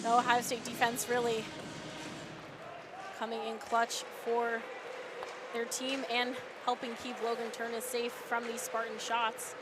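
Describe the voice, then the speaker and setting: A woman announcer giving rapid, excitable hockey play-by-play as the action moves. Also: a little high. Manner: excitable, voice jumps on shots and goals. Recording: live arena noise behind. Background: hockey arena ambience.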